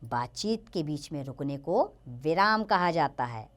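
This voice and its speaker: A woman gives a children's grammar lesson in a lower, sing-song voice. Her pitch swings widely as she stresses each example sentence. She speaks in a teacherly tone to young learners. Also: expressive, a little slow, a bit bright.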